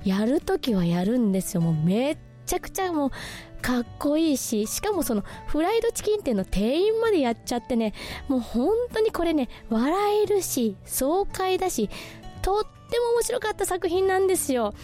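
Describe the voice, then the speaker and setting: A woman hosting a radio show, talking casually about films and reading listener messages with lots of soft fillers. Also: sits high, big pitch swings, normal speed, soft background music. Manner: chatty, many soft fillers. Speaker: radio host.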